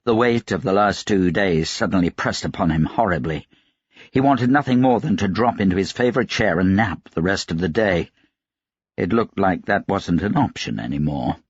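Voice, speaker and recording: A male narrator reads a fantasy novel in a measured, even storytelling manner. His voice is low with a husky edge. The recording is close and dry, and it sounds slightly dull. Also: dry recording. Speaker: audiobook narrator. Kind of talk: scripted narration.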